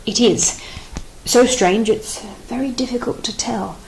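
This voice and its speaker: A woman reading the part of a nervous, rambling male soldier in an audiobook play, anxious and excitable in manner. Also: mid-range voice, a little slow, slight background noise, natural voice, low-quality recording. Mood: fearful.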